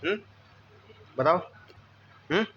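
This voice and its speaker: A man teaching a class ten physics lesson, often asking students questions and checking that they follow. He keeps saying "okay" and reads English textbook lines in an Indian English accent, slowly and deliberately. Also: fairly bright tone, muffled recording, slight background noise. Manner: addresses students as beta, repeats "theek hai" often. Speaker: physics tutor. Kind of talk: board-exam coaching lesson.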